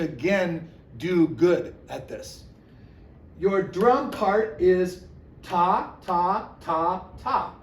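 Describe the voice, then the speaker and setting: A man's voice: high voice, slight background noise. A man, a music teacher, giving a recorded lesson to a class of children, chanting rhythm syllables to show each part and encouraging them. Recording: echoey room with faint ambience.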